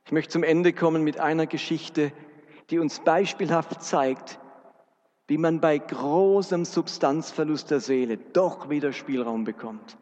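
A man's voice: on the high side, a little slow, a little mellow. A man preaching a sermon, earnest and speaking directly to his congregation. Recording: dull recording with long hall reverb.

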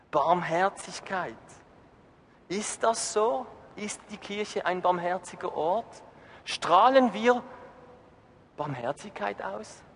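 A man's voice: fairly high pitch, fairly bright tone. A man preaching a sermon, emphatic, putting questions to the congregation. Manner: emphatic, rising and falling. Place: church hall. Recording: reverberant hall, faint noise.

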